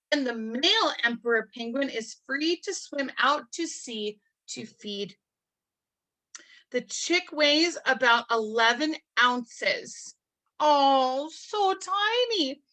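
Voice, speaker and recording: A woman reading a picture book aloud to children, marveling in a gentle, teacherly way and adding chatty asides to explain things. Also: a little high, poor audio. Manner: adds chatty explanatory asides between passages.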